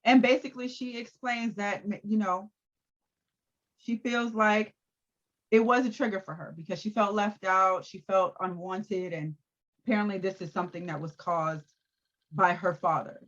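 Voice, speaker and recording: A woman's voice: medium pitch, moderate pace, muffled recording. Laughing woman recapping reality TV. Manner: animated, laughs often, acts out quotes. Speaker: podcast co-host. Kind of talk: casual recap chat.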